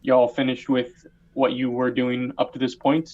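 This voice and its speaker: A man's voice: medium pitch, completely flat delivery, darkish tone, dull audio. A man acting as game master, narrating a tabletop game in an easygoing way with many fillers. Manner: slow, easygoing, hesitant with fillers.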